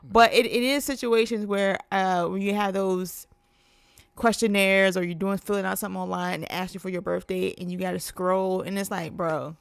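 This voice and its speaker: Woman, forties, gravelly, playful co-host, dry sound. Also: medium pitch, fairly even intonation, moderate pace, no echo. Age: 40s. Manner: playful, teasing, laughs often. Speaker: livestream co-host. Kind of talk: casual livestream Q&A chat.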